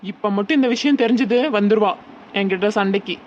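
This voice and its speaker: A woman voicing a calm young neighbour mother with a Tirunelveli Tamil accent, speaking firmly and reasoning in a cartoon. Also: mid-range voice, a little fast, close to an everyday voice. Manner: firm, reasoning. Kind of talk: cartoon voice acting. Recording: dull lo-fi with faint noise.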